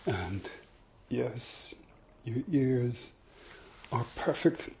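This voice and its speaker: A British man doing an ASMR ASMR role-play, soft-spoken and slipping into speaks softly, giving insistent, repeated instructions and reassurance. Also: mid-range voice, expressive, extremely slow, gravelly, slight background noise.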